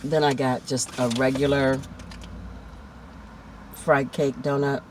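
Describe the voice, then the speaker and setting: A man's voice: medium pitch, little pitch movement, takes it slowly, slight background noise. A man chatting casually in a food mukbang vlog, heartfelt and talkative, lingering over each item. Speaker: food vlogger.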